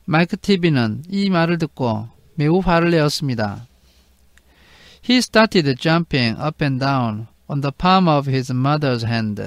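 Man reading slowly, then translating. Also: on the high side, no room sound. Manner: reads each English sentence very slowly, then gives the Korean translation quickly. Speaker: English book reading teacher. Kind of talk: slow read-aloud lesson with translation.

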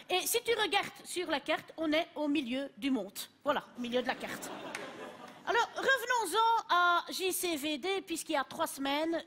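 A woman's voice: sits high, fairly bright tone, slight background noise. A woman playing a chatty, self-assured Belgian cleaning lady with a Belgian accent, rambling in a stand-up sketch on a TV stage. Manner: rambling, confidently wrong. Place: TV studio stage.

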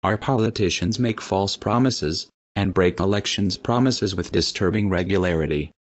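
A man from Australia with an electronically deepened, disguised voice, reading a defiant, declamatory protest statement as an activist spokesperson. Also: moderate pace. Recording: dull lo-fi audio.

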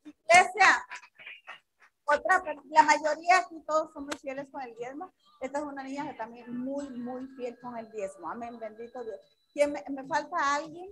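A woman pastor leading a church service, fervent and quick to punctuate with amens. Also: high voice, pushed and bright, low-quality recording.

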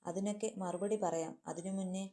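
A woman narrator plays a protective foster mother with a soft, soothing way of speaking. Her voice is mellow and even. She sounds close to the reader's own voice. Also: fairly low pitch, moderate pace, close to an everyday voice. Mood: tender soothing. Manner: soothing and affectionate. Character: tender foster mother, protective, sharp-tongued when crossed.

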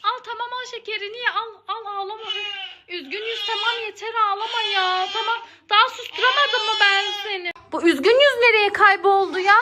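Very high-pitched, bright-voiced exasperated mother. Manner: exasperated, fussing, keeps repeating pleas. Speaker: mother in family skit. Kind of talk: acted family comedy skit.

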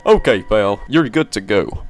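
A man's voice: mid-range voice, very animated, a bit bright, soft background music, full character voice. A man putting on a drawling folksy park ranger. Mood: friendly. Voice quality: slow drawling put-on accent. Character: folksy middle-aged male park ranger, blunt and wary.

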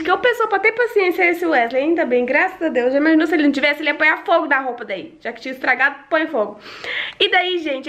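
A woman with a Brazilian Portuguese accent, chatting to camera at home in an affectionate, animated way. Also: high-pitched, lo-fi sound. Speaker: vlogger. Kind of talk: casual chat to camera.

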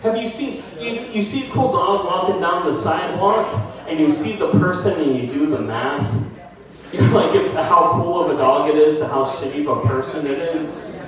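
In a cozy brick-walled bar indoors, a man in his thirties from the United States runs through self-deprecating material, animated and doing voices for his bits on a handheld mic. His voice is a little high and his pace moderate. Recorded by a phone in the audience from far off, the audio is echoey, with crowd noise and laughter.

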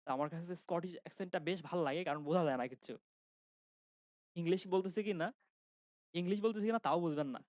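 Chatty young Bangladeshi grammar teacher. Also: male voice, a little high, darkish tone, dry recording. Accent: Khulna Bangla. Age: young adult. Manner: chatty, asks students questions, restarts sentences. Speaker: grammar instructor. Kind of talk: casual classroom lecture. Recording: dry, dull lo-fi sound.

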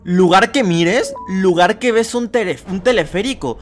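A young man commentating a horror game as a let's player, talking to viewers and shouting at scares. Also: high-pitched, normal speed, faint music behind. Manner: excitable, shouts and screams at scares, chatty asides to viewers. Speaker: gaming YouTuber.

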